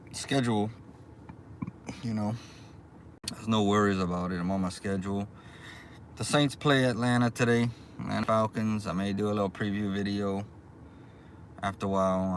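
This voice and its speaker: Male livestreamer, low-pitched, casual and unhurried chat with viewers, recorded in a car with faint background noise. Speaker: livestream host, small YouTube channel. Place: inside a car.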